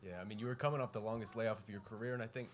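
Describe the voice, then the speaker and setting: A man's voice: lowish voice, fairly even intonation, rapid-fire. A man working as a reporter, asking long, informally worded interview questions. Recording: some room noise behind.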